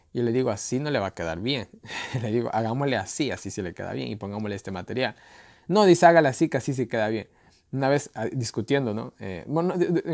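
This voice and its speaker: A man of middle pitch leads a Bible study into a close, dry microphone. He reads scripture with swelling emphasis, then drops into a conversational, anecdotal tone with small laughs and tag questions. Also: a little mellow, no room sound. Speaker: preacher.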